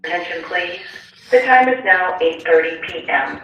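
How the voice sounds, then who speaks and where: A woman making a formal, measured announcement over a hospital loudspeaker, heard from far off. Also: on the low side, lively intonation, highs cut off, soft background music. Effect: hospital public address loudspeaker announcement. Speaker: public address announcer. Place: hospital hallway.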